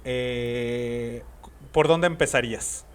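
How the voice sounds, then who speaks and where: A man's voice: mid-range voice, slow, clean tone. A man hosting a podcast interview, asking questions casually and often turning to speak to the listeners directly. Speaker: podcast host.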